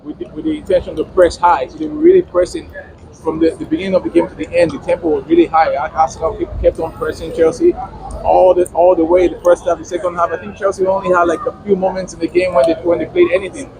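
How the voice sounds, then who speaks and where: A man's voice: sits high, little pitch movement, quick pace, gravelly. A man giving a casual fan interview outdoors after a match, repeating words for emphasis. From Nigeria. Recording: noisy outdoor setting with traffic.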